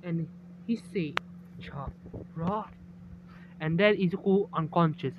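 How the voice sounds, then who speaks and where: A man narrating a fan story in a halting way, with frequent restarts. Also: sits high, expressive, muffled recording, noisy background.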